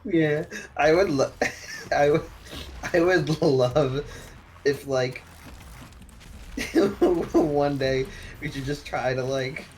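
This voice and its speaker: A sarcastic man drags out his words very slowly as he teases his friends on a call. There is a faint hiss behind his mic. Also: fairly high pitch, steady tone, a little mellow, low-quality recording. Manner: teasing, laughing, sarcastic. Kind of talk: casual banter.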